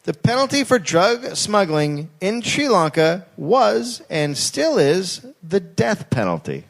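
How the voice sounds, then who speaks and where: A man hosting a comedy podcast, telling a story aloud with wry, quick asides between story beats. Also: high voice, sing-song, creaky.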